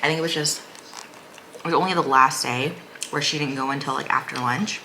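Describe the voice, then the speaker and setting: A woman's voice: extremely low pitch, fairly even intonation, brisk, pushed and bright, a little hiss or hum, low-quality recording. A woman vlogger giving a casual, chatty recap in a rambling, informal way full of "like". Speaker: vlogger, mother of a young child.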